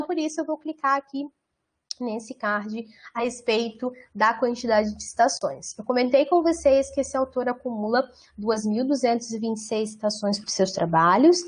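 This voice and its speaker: Higher-pitched Brazilian woman teaching a webinar. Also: a little mellow, breathy edge. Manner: patient, explanatory, checks in often with the audience. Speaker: product trainer. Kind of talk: online training webinar.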